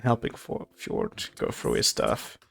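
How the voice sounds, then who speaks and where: A man giving casual reaction commentary on a show, off camera, in a halting, soft-spoken way with many restarts. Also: soft background music. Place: off-camera voice-over.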